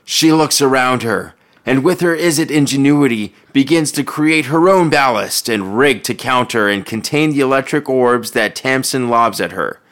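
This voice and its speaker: A man's voice: medium pitch, normal speed, a bit bright. A man reading a scripted fantasy story as narrator, in a dramatic storytelling style.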